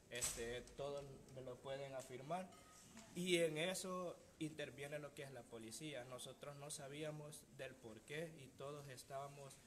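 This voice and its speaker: A man's voice: on the high side, slight background noise. A young man with a Salvadoran accent, representing a band delegation, explaining events with frequent fillers. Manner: explanatory, many fillers like "este" and "eh". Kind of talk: public statement.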